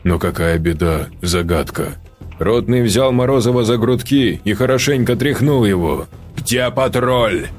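A man narrating a story aloud in a steady, measured reading. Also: lowish voice, faint music behind. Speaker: audiobook narrator. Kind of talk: scripted narration.

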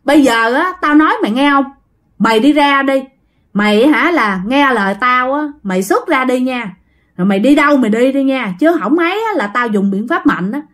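A woman's voice: sits high, lively intonation, brisk, fairly bright tone. A woman voicing a stern male exorcist who scolds and commands a spirit. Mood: scolding.

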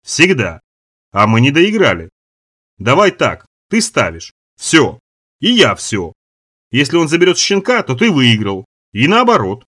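A man voicing a cold, ruthless male raider leader who gives calm, commanding orders. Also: medium pitch, a little slow, heavily acted.

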